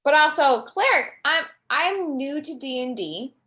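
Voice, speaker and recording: A woman's voice: sits high, lively intonation, measured pace, pushed and bright. A woman playing a tabletop game on a live stream, chatting informally and reacting to the others. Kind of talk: casual live-stream chat.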